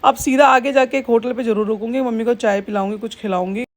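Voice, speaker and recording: A woman's voice: fairly high pitch, steady tone, quick pace, background noise. A woman vlogging in a casual, chatty way, talking straight to her viewers as friends. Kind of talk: casual vlog chat.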